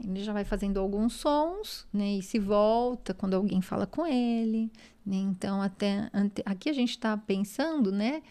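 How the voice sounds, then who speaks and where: A Brazilian woman speech therapist, a guest explaining child language milestones patiently, ending phrases with quick tag questions. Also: medium pitch, dark tone. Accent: Brazilian Portuguese. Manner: explains patiently, constant "né?" tags. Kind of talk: explanatory interview talk.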